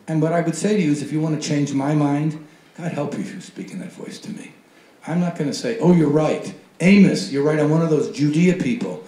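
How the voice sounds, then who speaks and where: Guy on a panel, wry and chatty, dark mellow voice, roomy hall sound. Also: a little high. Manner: wry, conversational, quotes voices in asides. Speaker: panel speaker. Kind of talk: academic panel talk.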